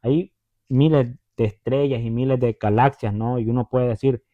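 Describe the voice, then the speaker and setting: A preacher gives a conversational Bible teaching, retelling stories while acting out the voices and often checking in with listeners through tag questions. His mid-range voice is steady and moderately paced, and the recording sounds tinny, like a phone.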